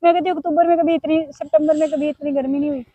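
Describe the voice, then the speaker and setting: Chatting rapid-fire to her viewers, a middle-aged vlogger from Pakistan complains and confides while nursing a sore throat. Her voice is high-pitched and steady. It's recorded dry, with thin phone-like sound.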